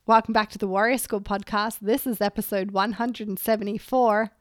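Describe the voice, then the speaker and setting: A woman's voice: medium pitch, fairly even intonation, normal speed, no echo, clean studio sound. A woman hosting a podcast, nasal from a head cold, chatting upbeat and laughing often. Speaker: podcast host and strength coach. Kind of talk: casual solo podcast intro.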